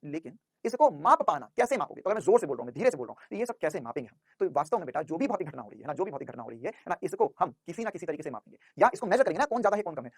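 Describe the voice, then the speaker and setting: A man's voice: sits high, no room sound, clean studio sound. A man teaching a physics class, who asks questions and answers them himself and calls his students "बेटा".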